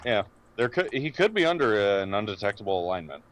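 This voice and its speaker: Low-voiced joking man. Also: big pitch swings, quick pace. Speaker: player. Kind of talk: tabletop game table talk.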